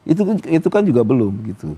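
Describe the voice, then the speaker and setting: Pitched on the high side, his mellow, slightly rough voice is very animated and quick. The man is an activist guest in a TV studio for a live talk show, chatting casually with lots of fillers like "gitu" and "apa namanya."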